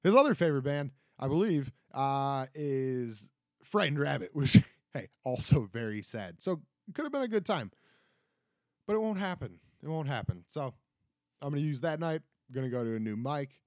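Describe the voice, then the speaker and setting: A man's voice: medium pitch, animated, moderate pace, dry recording, clean studio sound. Rambling self-joking young man. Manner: rambling, self-deprecating, lots of fillers and restarts. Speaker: podcast host. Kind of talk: casual solo podcast monologue.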